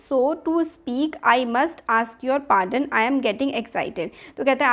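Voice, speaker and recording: A woman with an Indian accent teaching an English lesson, reading each line slowly and then explaining it in Hindi. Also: fairly high pitch.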